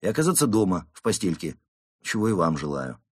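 A man's voice: sits low, big pitch swings, fairly quick, husky, no room sound, studio quality, full character voice. A man voicing a cheeky male tomcat suspect who argues in a glib, mock-innocent way.

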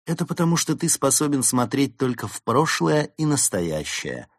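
Male narrator doing a theatrical storybook fox, lively and dry. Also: mid-range voice, moderate pace, no echo, pitched above the performer's own voice. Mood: calm. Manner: grand, theatrical. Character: cheerful eccentric male fox adventurer. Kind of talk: storybook reading.

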